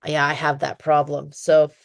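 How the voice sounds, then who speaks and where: A woman's voice: deep voice, completely flat delivery, moderate pace, gravelly. A woman teaching an online English lesson, chatty and encouraging, with frequent laughs; she is dizzy today. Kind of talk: one-on-one online lesson chat.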